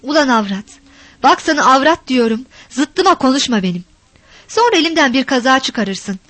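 A woman voicing a rough, quick-tempered village husband who curses and defends himself, read aloud from a storybook. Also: high voice, expressive, fairly bright tone, dry recording. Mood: angry. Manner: gruff, cursing, defensive. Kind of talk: storybook reading.

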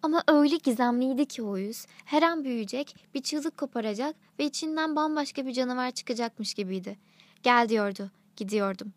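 A woman reading a literary short story aloud in calm, measured narration. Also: a little high, no room sound.

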